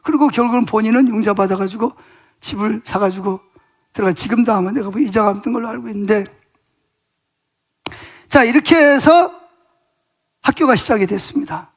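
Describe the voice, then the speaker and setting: A middle-aged male pastor with a strikingly high voice preaches in a church sanctuary. He tells his story with animation, switching into the voices of the people he quotes. It sounds like a Sunday sermon delivered to a congregation. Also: a little fast, pauses often. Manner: animated storytelling, acting out dialogue with God and others.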